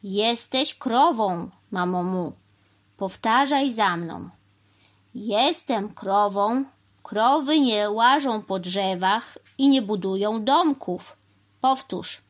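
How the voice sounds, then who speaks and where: A woman voicing a pedantic, fussy male crow in a storybook, talking slowly and over-clearly, as if lecturing. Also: mid-range voice, close to an everyday voice. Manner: lecturing, slow and overly clear. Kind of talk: storybook reading.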